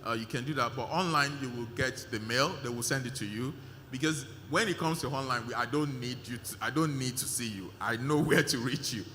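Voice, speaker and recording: A man's voice: mid-range voice, a little fast, pushed and bright, slight background noise. A man speaking as a conference organizer, giving an emphatic, repetitive vote of thanks with many fillers at a live event. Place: large conference hall. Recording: hall reverb with faint ambience.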